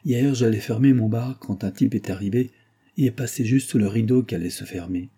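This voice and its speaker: A man's voice: fairly quick, mellow, breathy edge. A man reading an audiobook voices a distraught young woman who owns a bar, tearful and pleading. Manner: tearful, pleading, rising pitch.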